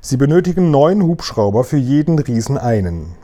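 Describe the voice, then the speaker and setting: Calm tactful queen a man puts on, mellow, in charge. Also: medium pitch, moderate pace, close to an everyday voice. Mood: composed.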